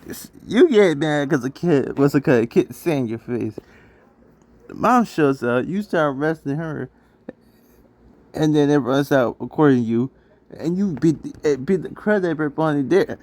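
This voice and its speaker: A man's voice: a little high, lively intonation, moderate pace, a little mellow. A young man giving casual, incredulous commentary while reacting to a video. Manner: incredulous, chatty asides.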